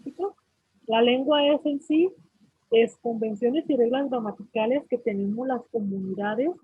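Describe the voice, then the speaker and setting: A Mexican woman teaching a class, pausing often to ask her students whether it is clear. Her voice sits fairly high and is very husky and breathy. It comes through a dry, tinny, phone-like line. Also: no room sound. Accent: Mexican Spanish. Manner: explanatory, asks students frequent check-in questions. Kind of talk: online class lecture.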